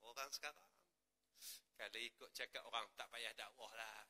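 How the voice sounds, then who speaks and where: A man with a Malaysian Malay accent preaching in a prayer hall, switching from quiet asides to loud rising exclamations. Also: mid-range voice, steady tone, normal speed. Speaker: religious teacher. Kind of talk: mosque sermon.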